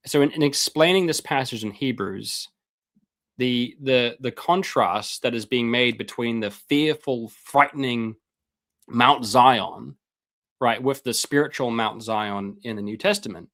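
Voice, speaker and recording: On a live stream, a man teaching on scripture reads Bible passages aloud and then comments, his slightly bright voice rising in pitch when he gets fervent and turning hoarse. He makes casual asides, repeats words, and clears his throat.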